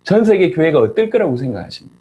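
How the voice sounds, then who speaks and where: A middle-aged man preaching a sermon as a pastor, firing off rhetorical questions and rising sharply in pitch for emphasis. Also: sing-song, quick pace, dark tone, dull audio, slight background noise.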